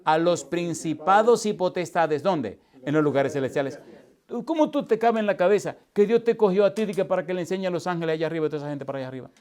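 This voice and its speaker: A man preaching at a seminar, his voice fairly high. He draws answers from his listeners with question after question, going from loud to hushed. It sounds like a lively teaching sermon in front of a live audience. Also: fast talker. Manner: asks the audience constant call-and-response questions; animated, swings from loud to hushed. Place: church hall with live audience.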